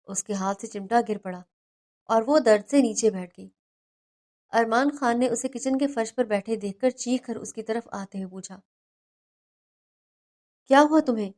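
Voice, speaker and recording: A woman narrating a romance novel in a steady storybook reading. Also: fairly high pitch. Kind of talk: scripted narration.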